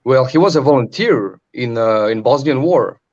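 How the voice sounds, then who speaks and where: A man from Serbia joins a webcam call and talks politics at a middling pitch. He rambles, piling up fillers and restarting his sentences. His audio sounds dull and muffled, like a cheap call. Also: expressive, normal speed, darkish tone. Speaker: open mic call-in participant. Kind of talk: casual political discussion. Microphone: webcam video call.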